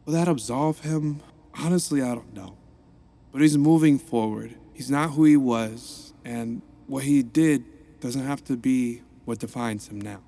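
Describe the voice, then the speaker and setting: This male actor takes an unhurried approach as the sincere ex-supervillain turned counselor, narrating an audio drama in a soft, encouraging manner. His voice sits in the mid range and carries vocal fry.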